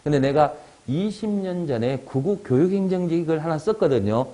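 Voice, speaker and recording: A man's voice: a little high, expressive, moderate pace, dark tone. A middle-aged man giving an exam-prep lecture, digressing into chatty stories and anecdotes.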